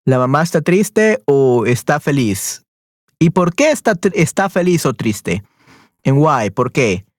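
A man's voice: on the high side, very animated, no room sound, studio quality. Encouraging male language teacher. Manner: encouraging, repeats questions slowly, mixes in English glosses. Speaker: Spanish teacher. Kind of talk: language lesson with a student.

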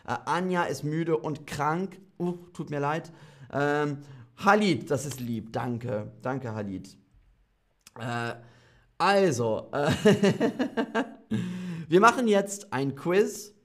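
A man teaching a German lesson on a live stream, repeating example sentences slowly and carefully and answering viewer comments. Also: on the high side, lively intonation, a bit bright. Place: streaming setup, indoors.

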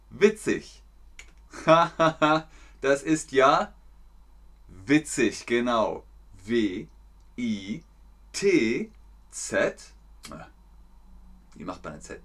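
A man teaching German vocabulary on a livestream, repeating words slowly and clearly, chatting with viewers and laughing often. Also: mid-range voice, a bit bright. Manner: slow, clear, repetitive teaching with frequent laughs; chats with viewers. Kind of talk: livestream language lesson.

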